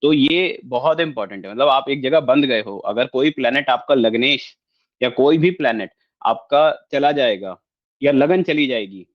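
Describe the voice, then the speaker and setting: A man's voice: medium pitch, normal speed. Man teaching in a muffled, lo-fi recording. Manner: explanatory, mixes Hindi with English, frequent check-ins. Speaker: astrology teacher. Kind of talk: online lesson with screen share. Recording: slightly muffled lo-fi audio.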